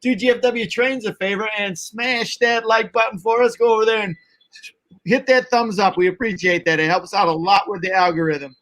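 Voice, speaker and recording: High-voiced upbeat male stream host. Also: steady tone. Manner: upbeat, rapid shout-outs. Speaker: livestream host. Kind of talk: greeting viewers on a livestream.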